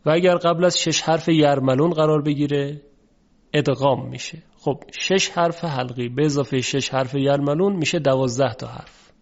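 Patient male recitation teacher, lo-fi recording. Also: fairly high pitch. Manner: patient, formal and polite, drawing out sounds slowly to demonstrate.

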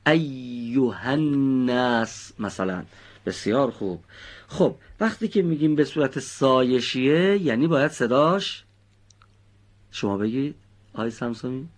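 Patient male teacher with a lively voice. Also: mid-range voice, pauses often. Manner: patient, praising, precise explanations. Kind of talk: teaching Quran recitation pronunciation to children.

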